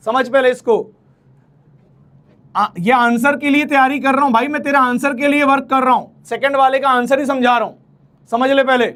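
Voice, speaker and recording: A man's voice: extremely high pitch, a bit bright. A man teaching physics in an online exam-prep lecture, coaxing and familiar, repeating key phrases and speaking.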